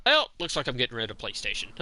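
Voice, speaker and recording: A man's voice: medium pitch, huge pitch swings, racing, pushed and bright. A man live-streaming a video game, chatting casually to a friend while he plays, joking and swearing often. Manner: profane, joking, thinks aloud. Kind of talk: casual gameplay chat. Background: game music.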